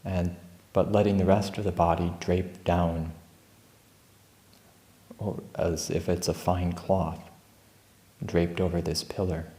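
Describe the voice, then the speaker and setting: With a deep, even voice that barely rises or falls, a meditation teacher guides listeners through calm, gentle instructions in an indoor room at a Buddhist monastery. He is unhurried, leaving plenty of space between phrases, and the sound is roomy and echoing.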